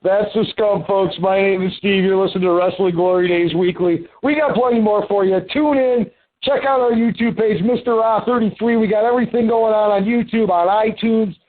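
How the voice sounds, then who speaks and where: A man hosting a wrestling podcast, chatting casually and pitching the show in an upbeat promo style. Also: moderate pace. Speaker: podcast host. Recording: tinny phone-line audio.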